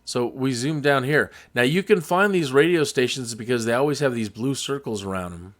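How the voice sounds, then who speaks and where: A man's voice: mid-range voice, moderate pace, fairly bright tone. A man hosting a flight simulator tutorial, talking in a casual, rambling, jokey and folksy way.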